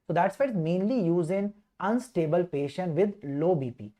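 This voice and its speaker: A man's voice: sits high, normal speed, mellow. A man with a North Indian accent teaching an exam revision class, repeating key words like a chant and prompting students with questions. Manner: mixes Hindi phrases into English. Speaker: medical teacher leading a revision session.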